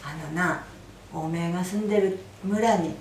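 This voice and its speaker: A woman with an Aizu Fukushima dialect voicing a gruff male mountain goblin spirit in a told folk tale, speaking roughly but kindly in a roomy hall heard from a distance. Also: fairly low pitch, moderate pace, a little hiss or hum, lightly acted. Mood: gruff, reassuring.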